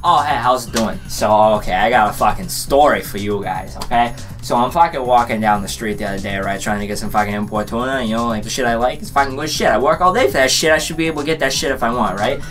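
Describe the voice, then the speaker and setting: A man's voice: medium pitch, quick pace, hardly any pauses, fairly bright tone, soft background music, natural voice. Man doing an impression of a brash, swearing guy. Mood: irritated ranting. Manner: switching impression voice. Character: foul-mouthed Boston guy ranting about bad drivers. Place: plain small room indoors.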